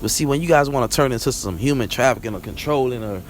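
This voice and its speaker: A young Barbadian man hosts a vlog, talking alone in a loose, rambling way and often asking "you know what I'm saying?" His voice sits in the mid range and moves at a quick pace, with a faint hiss or hum behind it.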